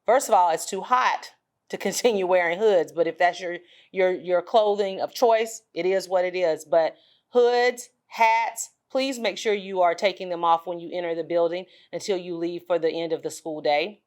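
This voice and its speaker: Firm, lower-voiced woman making school announcements. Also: steady tone. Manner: firm, emphatic, deliberate phrasing with pauses. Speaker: school administrator addressing students. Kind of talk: informal school announcement speech.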